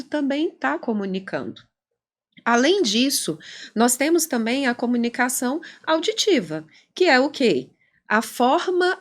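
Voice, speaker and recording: Lively Brazilian woman psychologist explaining. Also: on the high side. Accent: Brazilian Portuguese. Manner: animated, explanatory, acts out quoted dialogue. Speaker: clinical psychologist, guest. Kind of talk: conversational podcast interview.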